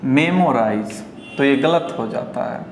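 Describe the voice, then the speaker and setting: A man with a Hindi accent teaching English pronunciation at a board, repeating each word slowly and with care. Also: medium pitch. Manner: slow, deliberate, repeats each word several times. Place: classroom with a board. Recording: echoey room with faint ambient noise.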